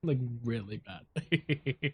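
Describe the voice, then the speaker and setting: Slow-talking man streaming a game. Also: mid-range voice, lively intonation, breathy edge. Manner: talks to himself, laughs often, repeats words in frustration. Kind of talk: casual live gameplay commentary.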